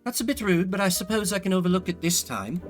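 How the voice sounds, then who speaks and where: A man voicing a polite, reserved prosecutor in a video game, speaking with measured formality and quiet concern. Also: sits high, lively intonation, faint music behind. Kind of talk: visual novel game acting.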